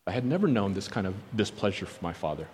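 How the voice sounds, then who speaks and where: Fast and very animated, a man born in South Korea shares his testimony as a sermon, earnestly acting out remembered exchanges. His voice is fairly low and a little mellow, carried by long hall reverb with a slight hiss or hum.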